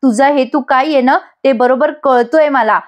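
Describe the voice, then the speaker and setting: A woman's voice: sits high, moderate pace, voice pushed up, natural voice. A woman voicing a proud, touchy young husband who sulks and defends himself. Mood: sulky. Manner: sulky, defensive.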